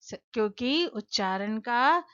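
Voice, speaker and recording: A woman teaching a lesson to children, patiently asking questions and answering them, slowing down to spell out word forms. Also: on the high side, animated, pushed and bright, clear, resonant tone, no echo, dull audio. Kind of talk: explaining a textbook lesson to children.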